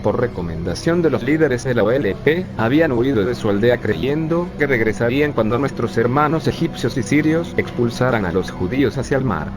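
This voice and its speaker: This synthetic male voice sounds natural, medium in pitch, with lively intonation, a slightly fast pace and few pauses. He narrates a script as an urban planning professor bitterly, sarcastically remembering his youth as a refugee, with music underneath.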